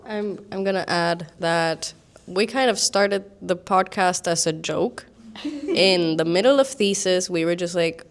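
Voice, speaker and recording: A woman's voice: lowish voice, measured pace. A woman from Venezuela co-hosting a podcast, talking casually and unscripted to a live classroom audience. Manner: casual and chatty. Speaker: podcast co-host.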